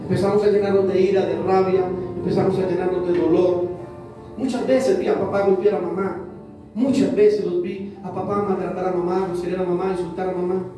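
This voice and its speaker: Over music, a high-pitched pastor delivers a brisk sermon in a flat manner, repeating phrases for emphasis before his congregation. The setting is a church hall, and the very echoey recording picks up his voice from a distance.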